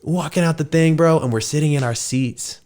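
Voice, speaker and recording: A man's voice: on the high side, fairly quick, clean tone. A man in his thirties, a podcast host telling a story in casual chat and acting out the people in it with raised voices. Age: 30s. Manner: animated storyteller, acts out quotes in raised voices.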